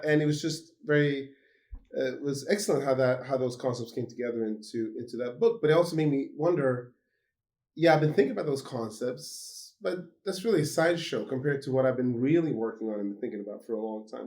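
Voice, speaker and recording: Swedish-born male guest, lively and rambling, mid-range voice. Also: medium pitch, fairly quick. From Sweden. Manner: animated, many fillers and restarts. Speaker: guest author. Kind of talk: phone interview. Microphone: phone call.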